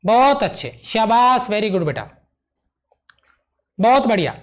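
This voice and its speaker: Male physics teacher giving a live online class, pretty high voice, keeps repeating stuff and cheering students on. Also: big pitch swings, slow pace. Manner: calls students beta, repeats praise and checks; emphatic, repeats key lines.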